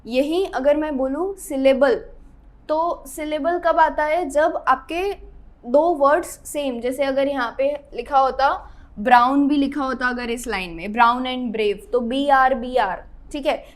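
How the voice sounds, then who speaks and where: A young woman teaching an English grammar lesson, explaining step by step and checking in with her students often. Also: high-pitched.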